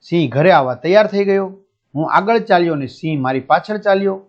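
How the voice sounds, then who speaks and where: A man's voice: high-pitched, lively intonation, fairly quick, darkish tone. Man teaching a school lesson. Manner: explains answers step by step to students. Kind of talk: reading a school lesson aloud. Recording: dull lo-fi recording.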